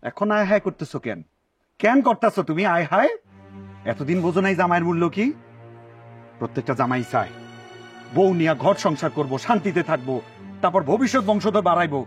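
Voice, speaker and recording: An actor playing a scheming husband who takes a second wife, talking in a lively dialect-heavy way. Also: male voice, high voice, faint music behind. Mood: lecturing. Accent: Bangladeshi Bangla dialect. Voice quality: animated, lively, fast talker. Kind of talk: comic TV drama.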